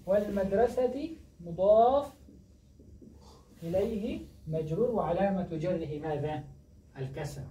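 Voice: medium pitch, warm tone. A teacher giving a grammar lesson who keeps asking questions and answering them, repeating key words. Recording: echoey distant dull recording, faint noise.

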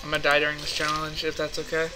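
A young man playing a co-op game with a friend, deadpan and teasing, often answering with flat refusals. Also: on the high side, very fast, rough recording. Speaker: gaming friend. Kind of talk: casual co-op gameplay chat. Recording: game music behind the voice. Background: game music.

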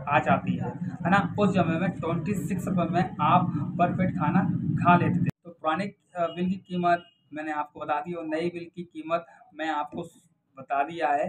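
A man in his twenties talking casually to the camera in an animated vlog style, filmed in a small indoor room. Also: on the high side, a little hiss or hum, low-quality recording. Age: 20s. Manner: chatty, animated, loud opening hook. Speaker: vlogger. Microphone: camera or phone in front of face.

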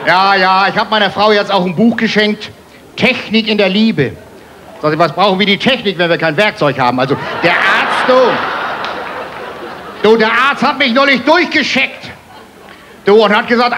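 High-voiced man firing off stage jokes. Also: a little fast. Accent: Hamburg. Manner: punchy one-liners, keeps calling the crowd "Freunde" and "du". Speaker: stand-up comedian. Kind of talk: rapid-fire joke stand-up. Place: live stage before a laughing audience. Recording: TV show stage recording with crowd noise.

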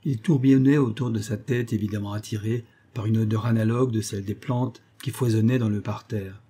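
A man narrating a literary audiobook in a measured, expressive reading. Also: on the low side, slightly rough. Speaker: audiobook reader.

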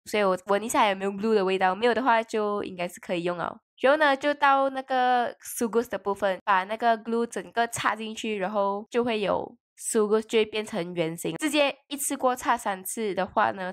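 A young woman doing a casual, rambling and playful vlog voice-over, mixing in English words. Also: mid-range voice. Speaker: video creator.

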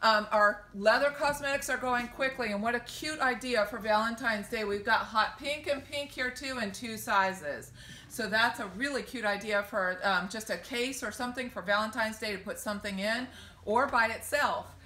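A woman's voice: a little high, moderate pace, sharp tone. A woman in her forties, a boutique owner, chatting upbeat through a sale walkthrough in a store, with frequent ums and gushing praise. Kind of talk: casual sales walkthrough video. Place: shop doorway outdoors, then inside a store. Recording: roomy sound with faint background noise.

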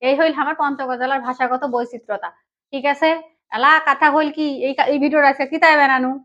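A woman with a high, light voice and a Panchagarh regional Bengali accent chats casually to her viewers in a vlog. Her manner is friendly and direct. The recording sounds a little dull and lo-fi. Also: fairly even intonation, fast talker, a bit bright. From Panchagarh, Bangladesh. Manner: chatty, addresses viewers directly. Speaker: vlogger.

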